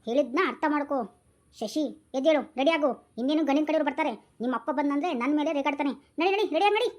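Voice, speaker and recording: A woman's voice: high-pitched, fast, a little mellow, close to an everyday voice. A woman voicing a stern middle-aged village mother who scolds her daughters, with a North Karnataka Kannada accent. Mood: scolding. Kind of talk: homemade village drama.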